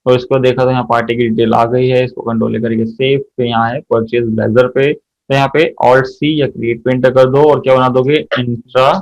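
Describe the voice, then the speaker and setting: A man teaching an accounting software class, walking through each step and quizzing his students as he goes. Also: medium pitch, little pitch movement, a little fast, rough recording. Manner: explains step by step, often checks students' answers. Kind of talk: software tutorial lesson.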